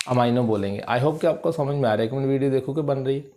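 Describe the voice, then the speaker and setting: A man's voice: medium pitch, fast talker, mellow, a little hiss or hum. A male chemistry teacher with a Punjabi accent, lecturing at a board and drilling each point by asking a question and then answering it himself.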